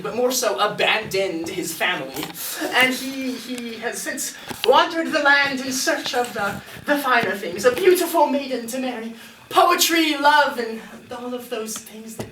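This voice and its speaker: A woman's voice: on the high side, unhurried, lightly acted. A woman playing a pompous male caster who speaks in grand, flowery phrases, in a student comedy improv. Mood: grandiloquent. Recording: roomy, distant and noisy.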